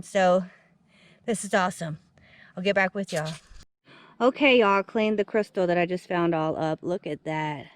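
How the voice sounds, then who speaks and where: A woman, vlogging outdoors into a handheld camera, excitable and chatty as she talks straight to viewers. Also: medium pitch, no echo. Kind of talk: casual outdoor vlog narration. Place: outdoors at a dig site.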